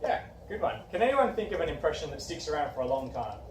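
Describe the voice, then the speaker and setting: A man's voice: a little high, big pitch swings, fast. A young male teacher leading a classroom discussion, asking questions and encouraging his students. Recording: echoey room from far off, faint background noise.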